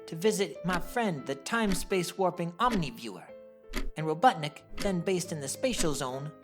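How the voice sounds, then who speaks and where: Woman as young male hedgehog hero, cartoon narration, lowish voice, cocky, wry asides, loud backing music. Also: natural voice. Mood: casual boasting. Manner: casual, wry storytelling asides. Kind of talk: scripted comic dub narration.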